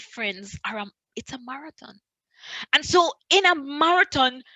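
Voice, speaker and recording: Woman doing a slow motivational wellness talk, bright voice, says things over and over, gets loud then goes almost whispery, dry sound. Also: mid-range voice, no echo, low-quality recording. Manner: emphatic, repeats phrases, swings from loud urging to soft near-whispers. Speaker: wellness speaker. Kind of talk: motivational talk to a live online audience.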